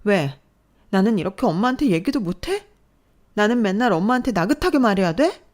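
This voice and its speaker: A woman's voice: medium pitch, lively intonation, normal speed, voice pushed up, natural voice. A woman voicing a distressed young adult daughter who pleads and lashes out at her mother in a dramatized story. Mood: distraught. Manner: pleading, tearful outbursts.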